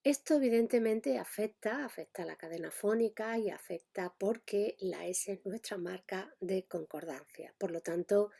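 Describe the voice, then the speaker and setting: A woman's voice: on the low side, gravelly, mellow, slightly rough. A middle-aged woman giving a spoken linguistics lesson, explaining step by step with frequent hesitations and checks on her listeners. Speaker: lecturer.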